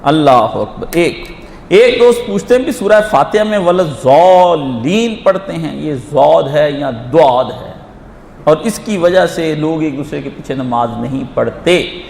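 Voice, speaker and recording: A man's voice: a little high, expressive, gravelly, darkish tone. A man, answering religious questions in an emphatic, repetitive lecture style and acting out quoted voices. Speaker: Islamic teacher answering questions. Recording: echoey hall with faint noise.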